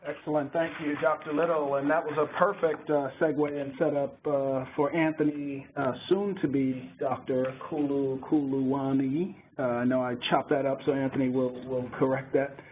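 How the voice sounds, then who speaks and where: A man with a mid-range, flat voice, moderating a webinar. He introduces speakers casually and hesitates on fillers. The line is tinny and carries a faint hiss. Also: mid-range voice, moderate pace, hardly any pauses.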